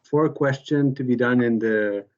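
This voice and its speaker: A man's voice: mid-range voice, unhurried, a little mellow. A man in an online study group, politely and hesitantly asking a question. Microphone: video call. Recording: muffled video call audio.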